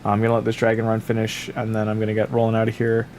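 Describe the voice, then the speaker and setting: His voice lowish and racing, a man streams a game late at night, rambling casually to viewers and giving easygoing advice thick with fillers. He's sniffly from the tail end of a cold, and a little hiss or hum is audible.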